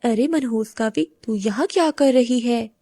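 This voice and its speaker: A woman's voice: on the high side, measured pace, mellow, no echo. A woman voicing an angry, grieving mother bulbul bird in a cartoon, harsh and accusing.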